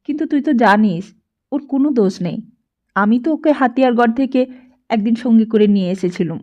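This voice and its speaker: A woman's voice: a little high, a little fast, darkish tone, lo-fi sound, natural voice. A woman reading an audiobook, voicing a young man tied up and pleading urgently for another's release.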